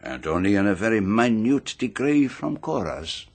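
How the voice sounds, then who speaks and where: In a radio mystery drama, a pompous, meticulous male private detective, theatrical and self-assured, methodically reveals each point. His husky, exaggerated voice takes big pitch swings, and his phrasing is deliberate, formal and grandly theatrical.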